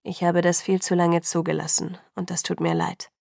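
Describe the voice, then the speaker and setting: A woman reading an audiobook, voicing a cold, grim young male vampire who speaks slowly and low. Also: flat delivery, gravelly, darkish tone, dry recording, clean studio sound. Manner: slow, low, measured and grim. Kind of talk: audiobook character voice.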